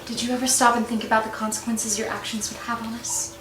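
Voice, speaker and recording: A woman's voice: on the high side, level tone, fast, recorded from a distance, noisy background, close to an everyday voice. A woman playing an indignant sister who confronts her sister's cheating husband, in rehearsed scene work for an acting class. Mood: accusing. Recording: echoey room.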